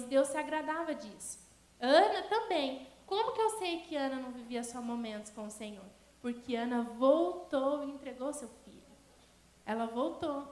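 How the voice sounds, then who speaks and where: Woman preacher, high voice, storytelling sermon, echoey church hall. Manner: storytelling testimony, addresses the congregation.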